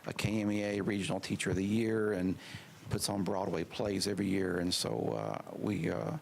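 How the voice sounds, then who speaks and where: Low gravelly man, newly appointed school official. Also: level tone, noisy background. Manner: halting, many fillers and restarts. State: speaking after mouth surgery, swollen. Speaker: new assistant superintendent. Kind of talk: public remarks at a meeting.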